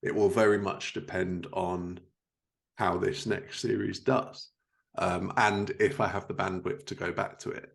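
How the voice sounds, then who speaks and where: A man with a deep, unhurried voice, flat delivery and vocal fry hosts a laid-back podcast. He's a fiction writer, talking conversationally about his work.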